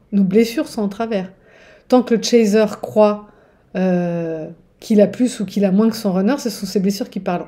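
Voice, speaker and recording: Woman coach talking straight to listeners, warm dark tone, mid pitch, loose and rambling. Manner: chatty, keeps checking in with "ok?"; digressive, with restarts. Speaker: spiritual relationship coach. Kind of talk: casual teaching monologue.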